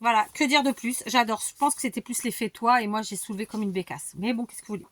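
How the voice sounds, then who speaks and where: A woman's voice: a little high, fast, no room sound. A middle-aged woman hosting a casual scrapbooking show-and-tell from her craft desk, gushing with enthusiasm and poking fun at herself. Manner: enthusiastic, gushing, self-mocking. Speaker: scrapbooking channel host.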